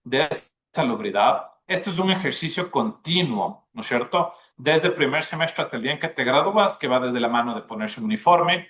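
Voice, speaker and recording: A man's voice: mid-range voice, lively intonation, moderate pace, few pauses, fairly bright tone, slight background noise. A man, a gastronomy school dean, explaining at length in a podcast interview and often checking in with the listener. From Ecuador. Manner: explanatory, often tags "¿no es cierto?".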